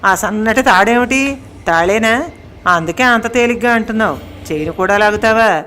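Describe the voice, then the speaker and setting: A woman voicing a frantic, sharp-tongued middle-aged wife who scolds and wails loudly in a storybook tale. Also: brisk, a little hiss or hum, close to an everyday voice. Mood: scolding. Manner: loud, shrill scolding and wailing.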